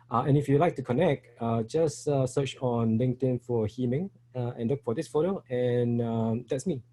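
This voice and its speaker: A middle-aged Singaporean man with a Singaporean English accent gives a conference-style talk at a developer meetup. His voice is medium in pitch and dark in tone, and he speaks hesitantly, with many fillers and restarts.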